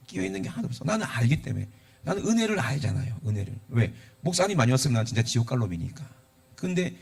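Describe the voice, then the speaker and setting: Middle-aged pastor, gravelly, animated sermon delivery. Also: male voice, on the high side. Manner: conversational preaching with rhetorical questions and acted quotes.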